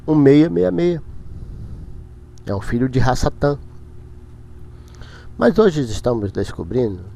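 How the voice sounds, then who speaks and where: A man hosting his own religious channel, delivering a preachy monologue to his viewers in a halting way, repeating words and breaking into emphatic bursts. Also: lowish voice, mellow, a little hiss or hum.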